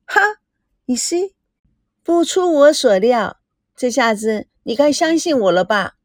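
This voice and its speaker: A woman's voice: high voice, expressive, unhurried, dry recording, studio quality. A woman voicing a scheming, determined young woman who talks in a smug, coaxing way.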